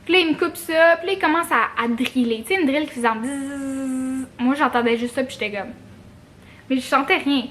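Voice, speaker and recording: A young woman with a Quebec French accent telling a personal story casually to camera, expressive and slangy, with swearing and English words mixed in. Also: high voice, brisk, a little hiss or hum. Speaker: vlogger.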